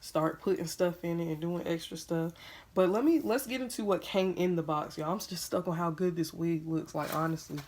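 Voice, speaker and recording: A woman's voice: lowish voice, normal speed, darkish tone, slight background noise. A young woman chatting casually to her viewers while unboxing a wig at home, talking around a piece of gum. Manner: chatty, addresses viewers as "y'all", chewing gum. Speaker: beauty vlogger.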